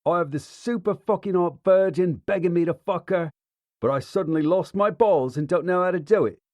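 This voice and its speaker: A woman's voice: on the low side, takes it slowly, a little mellow, dry recording, clean studio sound. A woman voicing a sarcastic, teasing young male rocker bandmate in an audiobook. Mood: taunting. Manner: sarcastic and taunting.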